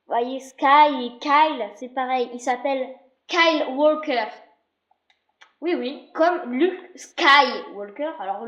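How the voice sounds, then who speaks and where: Young woman, high voice, chatty and jokey, casual game commentary, echoey room. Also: a bit bright, dull audio. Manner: chatty, jokey, swears often. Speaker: gaming video creator.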